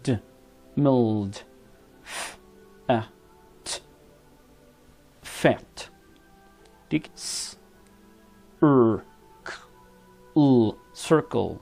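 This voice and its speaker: A Pakistani man teaching an English lesson in a gravelly, middle-pitched voice. He reads each sentence out slowly, then explains it quickly and keeps saying "theek hai" to check in. Faint music plays quietly under his voice.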